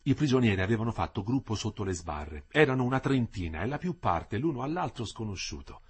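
Husky expressive male reader. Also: lowish voice, a little fast. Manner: expressive, dramatic reading. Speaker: narrator. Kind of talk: audiobook reading of a novel.

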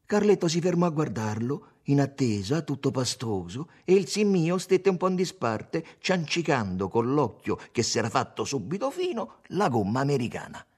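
Expressive male literary audiobook reader. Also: medium pitch, normal speed, hardly any pauses, slightly rough. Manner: expressive, theatrical reading.

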